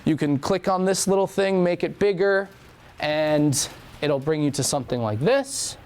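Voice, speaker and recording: A man's voice: on the high side, animated, moderate pace, darkish tone, clear, resonant tone. A young man teaching an anatomy and physiology lab review in a classroom, talking casually and repeating key points.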